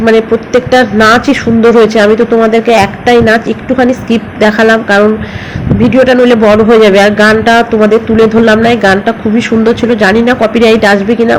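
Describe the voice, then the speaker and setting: A middle-aged woman narrating her family vlog in a chatty, rambling way, often picking up again with filler words. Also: fairly high pitch. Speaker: family vlogger. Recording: noisy home recording with vehicle sounds.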